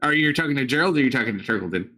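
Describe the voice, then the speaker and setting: A man narrates a tabletop game as its game master. His delivery is casual and improvised, with very lively intonation at a middling pitch. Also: very fast.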